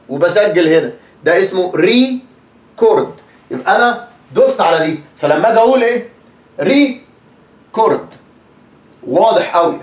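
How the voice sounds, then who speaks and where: A man's voice sits high and sounds reverberant. He's Egyptian, with an Egyptian Arabic accent, and he gives a casual spoken lesson on English pronunciation, chatting, repeating words, and acting out examples.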